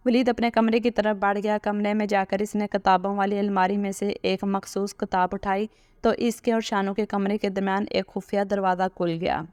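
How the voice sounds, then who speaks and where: A woman storyteller giving a steady scripted narration of an emotional family story. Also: medium pitch, normal speed, dry recording. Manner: steady, even reading.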